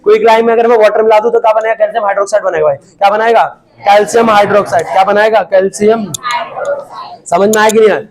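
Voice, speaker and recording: A man's voice: high voice, level tone, fast talker, crowd noise. A man teaching a chemistry class to students, casual and joking, constantly asking whether they understood.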